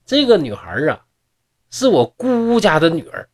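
A man's voice: high-pitched, huge pitch swings, unhurried, pitched above the performer's own voice, exaggerated voice. A man with a Northeastern accent voicing a boastful, swaggering young man in a storybook tale. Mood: reassuring. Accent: Northeastern Mandarin. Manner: brash, swaggering. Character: boastful young man, brash and confident cousin.

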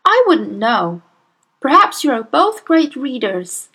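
A woman's voice: high-pitched, sing-song, moderate pace, fairly bright tone, voice pushed up. A woman voicing a firm, earnest young teacher. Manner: polite but resolute.

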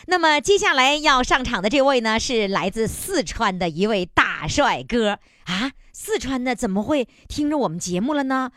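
Female radio host, high and animated, playful teaser, quick to laugh. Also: no room sound, clean studio sound. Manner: lively, teasing, laughs a lot. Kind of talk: call-in radio hosting.

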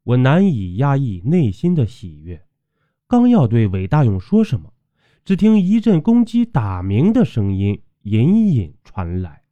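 A man's voice: wildly swooping pitch, measured pace, mellow, no echo. A man narrating a tomb-raiding audiobook in a dramatic, suspenseful storytelling voice, recorded with dull lo-fi sound. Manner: suspenseful storytelling with wide pitch swings.

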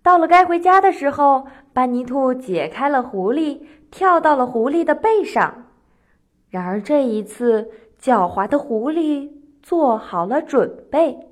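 A woman's voice: high voice, animated, unhurried. Singsong woman reading children's stories. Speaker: children's storyteller. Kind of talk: children's story narration.

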